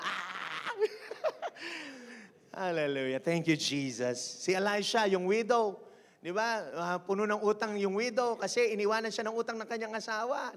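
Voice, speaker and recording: A man preaching with energy, his voice sitting high and bright for a man. He switches into English mid-sentence and keeps drawing answers from the congregation. A long reverb from the church hall trails each phrase. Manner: energetic, mixes English into Tagalog, keeps asking the church to respond. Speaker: senior pastor. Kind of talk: sermon. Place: church sanctuary.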